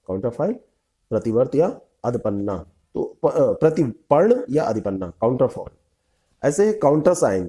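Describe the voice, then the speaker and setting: Dark-voiced man teaching vocabulary. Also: medium pitch. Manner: reads term then Hindi meaning, repeating words with short asides. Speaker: exam prep teacher. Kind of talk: vocabulary lesson.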